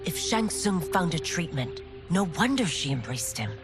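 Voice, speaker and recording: A woman with a lowish, very animated voice speaks at a moderate pace over music. She voices a resolute female constable and former royal guard who talks earnestly. Her tone is determined throughout.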